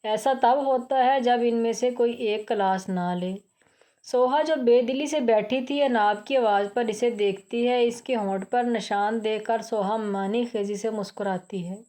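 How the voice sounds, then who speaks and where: Female narrator with an Urdu-inflected accent, fairly high but mellow, steady novel-reading delivery. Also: measured pace. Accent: Urdu-inflected Hindustani.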